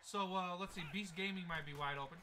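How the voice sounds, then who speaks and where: A young man commentating his own football video game, excitable and yelling at big plays. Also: sits high, a little fast. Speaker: gaming YouTuber. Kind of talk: gameplay commentary.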